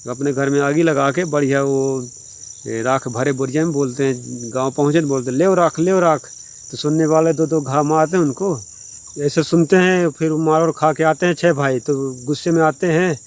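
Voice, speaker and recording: Man, casual folk storyteller, rambling and repetitive, fairly high voice. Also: steady tone, normal speed, darkish tone.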